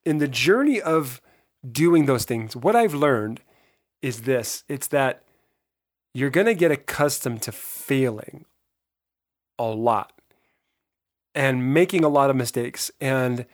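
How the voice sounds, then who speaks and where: Hoarse man hosting a motivational podcast. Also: medium pitch, expressive, takes it slowly, long pauses. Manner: earnest, emphatic, addresses listeners directly. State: hoarse voice from being run down. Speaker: podcast host.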